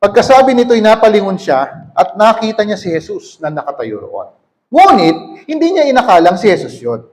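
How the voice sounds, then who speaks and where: High-voiced man preaching a sermon. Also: very animated, moderate pace. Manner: reads verses aloud then explains them, asking "okay?". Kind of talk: sermon reading and explaining scripture.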